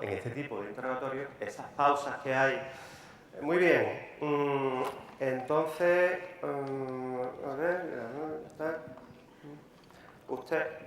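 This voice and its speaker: A man's voice: mid-range voice, fairly bright tone. Emphatic Spanish man in an echoey hall. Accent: Peninsular Spanish. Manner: brisk, emphatic, repeats key words. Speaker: lawyer leading a workshop. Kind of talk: live workshop lecture. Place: large conference hall. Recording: echoey hall, faint room noise.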